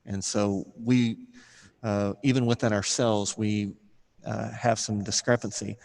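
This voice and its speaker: Male school official, lowish voice, giving measured, diplomatic answers at a public board meeting. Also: flat delivery, creaky, a little mellow.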